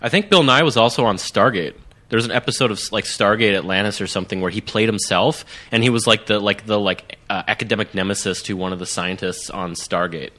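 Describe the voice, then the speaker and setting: A young man chatting casually on a podcast, animated and quick to laugh. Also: fairly low pitch. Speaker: podcast guest.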